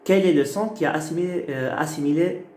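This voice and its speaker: A man teaching a class, explaining slowly and patiently and repeating key words. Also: a little high, a little mellow. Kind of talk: phonetics lecture. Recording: echoey room with faint noise.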